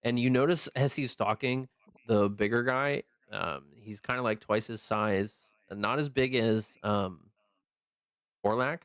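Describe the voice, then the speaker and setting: A man narrating a tabletop game as game master, improvising haltingly with many mid-sentence pauses. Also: on the low side, fairly bright tone, no room sound, studio quality.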